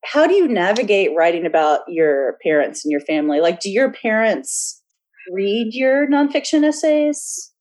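A woman's voice: medium pitch, very animated, normal speed, darkish tone. A woman hosting a casual podcast interview, asking curious, friendly questions and giving short reactions. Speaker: podcast host.

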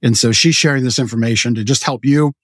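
A man's voice: mid-range voice, quick pace, no room sound. Chatty male podcast co-host. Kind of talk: casual show chat.

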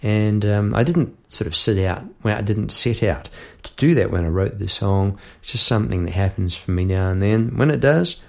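On his songwriting podcast, a middle-aged man reflects casually and warmly, rambling with many restarts and musing asides while someone plays guitar. His voice is lowish, animated and creaky, delivered at a moderate pace.

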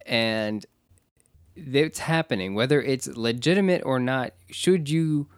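A man with a smooth, resonant voice co-hosts a casual podcast. He talks with animation and often jumps into high, mocking voices to act out quotes. The recording is dry and close. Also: lively intonation, measured pace, no echo. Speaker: podcast co-host.

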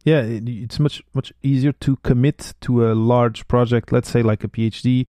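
A man's voice: mid-range voice, steady tone, normal speed, mellow, dry recording. A man hosting a podcast interview, talking in a casual, hesitant way and often repeating words as he thinks. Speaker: podcast host.

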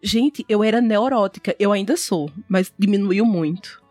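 A woman's voice: medium pitch, moderate pace, warm tone, no room sound, faint music behind. A woman in casual podcast chat, emphatic and confiding, often calling out to her listeners. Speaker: podcast guest or host.

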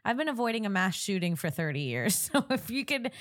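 A woman's voice: mid-range voice, big pitch swings. A woman in her thirties from Florida, hosting a comedy podcast with brash, sarcastic banter. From Florida, United States. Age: 30s. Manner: brash, sarcastic, quick jokes. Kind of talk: comedic casual chat.

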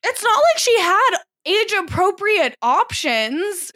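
High-voiced wry woman. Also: big pitch swings, slow, fairly bright tone, no room sound, studio quality. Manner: wry, teasing, laughs often. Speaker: podcast co-host. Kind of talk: casual chat.

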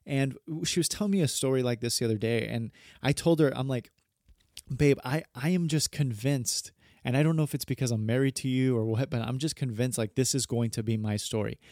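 A man's voice: mid-range voice, brisk, a little mellow, dry recording, clean studio sound. Earnest rambling man in his thirties. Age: 30s. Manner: rambling, self-correcting, earnest. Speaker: podcast host and pastor. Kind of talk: casual podcast monologue.

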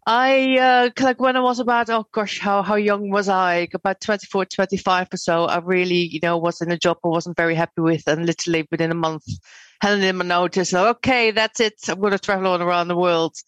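Guest: fifties, chatty rambler, dry close sound. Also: female voice, on the low side, little pitch movement, a little fast, no room sound, dull audio. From Netherlands. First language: Dutch. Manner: bubbly, rambling, many fillers. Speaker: photographer guest. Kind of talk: casual interview chat.

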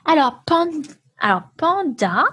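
A woman with a high, sing-song, fairly bright voice speaks slowly while teaching vocabulary to an online language class by video call. Patient and encouraging, she switches to English to explain words.

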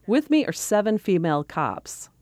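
Lively woman documentary narrator. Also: medium pitch, normal speed. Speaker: radio documentary reporter. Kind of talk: scripted narration.

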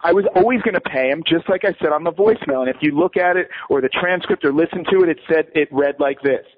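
A man being interviewed, telling a long story in a lively way and acting out other people's heated lines. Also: on the high side, fast, a little hiss or hum. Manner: quotes others in raised, heated voices. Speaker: poker player and guest. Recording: muffled lo-fi radio audio.

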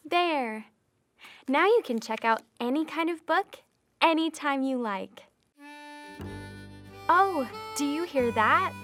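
Bright, high-voiced cheery librarian woman. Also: lively intonation, slow, long pauses, soft background music. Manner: cheery, sing-song, talks to young children. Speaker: children's librarian host. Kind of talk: children's video presenting.

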